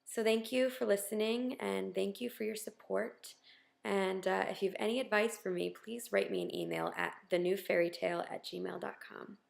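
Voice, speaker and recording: A woman's voice: medium pitch, lively intonation, normal speed, creaky. A woman talking candidly to her viewers in a casual video diary, with lots of ums and wry self-deprecation. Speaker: vlogger.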